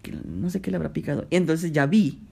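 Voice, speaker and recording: A man's voice: a little high, quick pace, gravelly, darkish tone, slightly rough. A man with a Mexican accent in casual chat, teasing his partner and often restarting his sentences. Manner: chatty, teasing, with many restarts and fillers.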